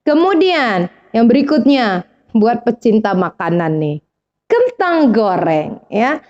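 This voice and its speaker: A woman's voice: fairly high pitch, very animated, slow pace, a little mellow, dull audio. A woman teaching a casual video lesson, chatting to viewers and answering her own questions. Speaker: English teacher.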